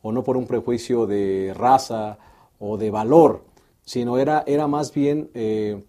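A man hosting a Bible study discussion, praying and then asking the pastor questions in a calm manner. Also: mid-range voice, measured pace. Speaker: lesson host.

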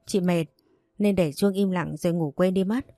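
A woman's voice: on the low side, fairly even intonation, moderate pace, dark tone, no room sound, studio quality, close to an everyday voice. A woman voicing a weary, heartbroken young wife who answers in a tired, subdued way.

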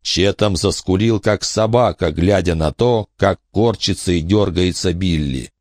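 A man's voice: low-pitched, a little slow, a little mellow, no room sound, studio quality. A man reading a horror audiobook as narrator, telling the story expressively.

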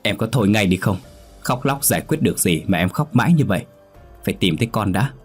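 A man's voice: on the low side, expressive, quick pace, slightly rough, soft background music. A man voicing a stern young father who scolds his crying wife in a spoken horror story.

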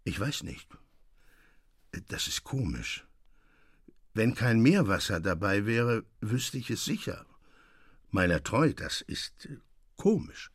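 A man's voice: on the high side, animated, moderate pace, fairly bright tone, dry recording, clean studio sound, voice pushed up. A man voicing a boastful older villager who prides himself on having tasted every drink. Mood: puzzled, hushed.

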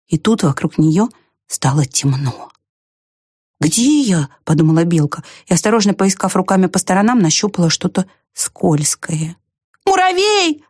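A woman narrating a children's storybook in a lively, expressive way. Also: fairly low pitch, breathy edge, dry recording, studio quality. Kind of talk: storybook reading.

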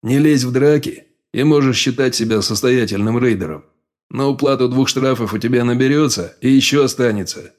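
A male audiobook reader voicing a calm, monstrous mutant sage with a low growling voice. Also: close to an everyday voice. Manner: calm, unhurried. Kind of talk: audiobook character voice.

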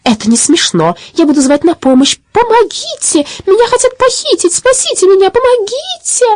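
A woman voicing an excitable, genteel elderly grandmother who talks shrill, high and giggly. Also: fast talker, dry recording, clean studio sound. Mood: indignant.

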